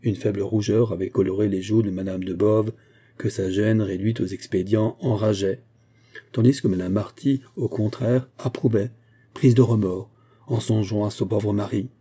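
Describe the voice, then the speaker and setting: Guy narrating an old novel, lowish mellow voice, steady. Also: normal speed, slightly rough. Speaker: audiobook narrator. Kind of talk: scripted narration of a classic novel.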